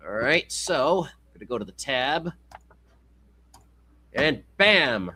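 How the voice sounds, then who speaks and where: Lively bright-voiced male stream host. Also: mid-range voice, takes it slowly, slight background noise. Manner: jokey, laughs often, rambling restarts. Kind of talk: casual stream chat, reading an article aloud.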